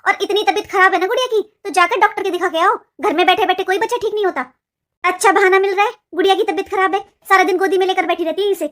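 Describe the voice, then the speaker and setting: A sulky young cartoon wife who grumbles and snaps at everyone in the house. The voice sits extremely high and sharp, the way a household cartoon squabble is pitched. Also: female voice, fast talker. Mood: indignant. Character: nagging younger sister-in-law, resentful, complaining young wife. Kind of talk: cartoon voice acting.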